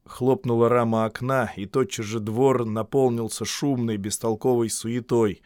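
A man narrating a literary story as an audiobook reader, in a measured, even storytelling manner. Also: mid-range voice, clean tone, dry recording, studio quality.

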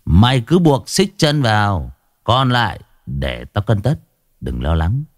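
A man's voice: fairly low pitch, very animated, measured pace, no room sound, clean studio sound. A man voicing a brash, hot-tempered old man built like a bull, who boasts, swears and bellows. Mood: boastful.

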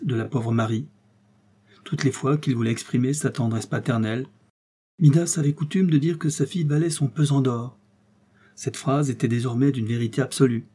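A man reading a classic tale aloud as an audiobook narrator, measured and expressive. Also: medium pitch, slightly rough.

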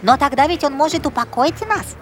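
A woman's voice: high voice, fairly quick, soft background music, natural voice. A woman playing a small, timid, naive undead servant in an audio drama, with a childlike, deferential way of asking. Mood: anxious curious.

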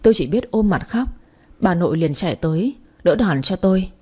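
A woman telling a story in narration, moving along briskly and evenly. Her voice is mellow and dark, with a breathy edge. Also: lowish voice, expressive.

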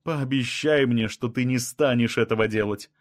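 A man's voice: medium pitch, normal speed, no echo, clean studio sound, lightly acted. A male reader voicing an anxious, insistent woman scientist who keeps pressing with questions. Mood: pleading.

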